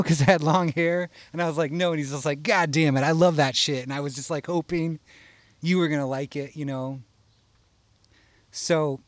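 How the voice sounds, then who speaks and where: A man's voice: on the high side, a little mellow, no room sound. A man from Iowa telling a casual personal story, rambling and profane, tagging his lines with "you know?". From Iowa, USA.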